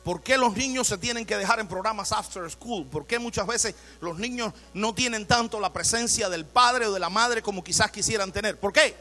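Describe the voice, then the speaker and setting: A male pastor delivering an animated sermon in church, asking his congregation questions. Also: high voice, normal speed, hardly any pauses, soft background music.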